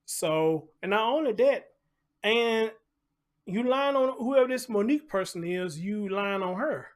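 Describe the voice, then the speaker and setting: His voice is high and expressive, and he takes his time. He's an American host of a casual live commentary show who chats along with preacher-style asides, phrases said again and again, and rhetorical questions.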